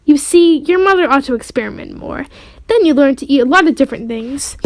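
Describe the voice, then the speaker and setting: A woman's voice: high voice, expressive, a little fast, a little hiss or hum. A woman voicing a cheerful, bumbling middle-aged father who talks heartily. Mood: hearty.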